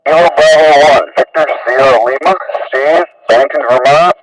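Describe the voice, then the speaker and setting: A man's voice: fairly high pitch, moderate pace. A man checking in on an amateur radio net from a mobile rig, heard over a two-way radio with static, giving a terse call-sign report. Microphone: mobile radio in a vehicle. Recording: distant, hissy radio transmission.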